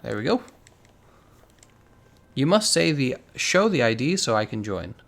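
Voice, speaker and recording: Gravelly, lively male game streamer. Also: mid-range voice, measured pace. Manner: relaxed, chatty, reacts to viewer comments. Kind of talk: casual live-stream chat, reading chat aloud.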